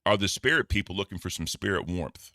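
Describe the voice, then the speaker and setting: Loud profane Southern man, low voice. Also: a little fast, no echo, studio quality. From American South. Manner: rambling, profane, loud outbursts. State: groggy, overheated. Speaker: livestream co-host. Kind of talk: casual livestream chat.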